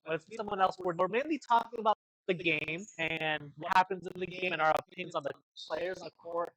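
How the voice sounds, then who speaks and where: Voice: mid-range voice, fast, fairly bright tone, dry recording, low-quality recording. A host of a basketball league livestream, chatting casually in the commentary booth and explaining the plan with small restarts.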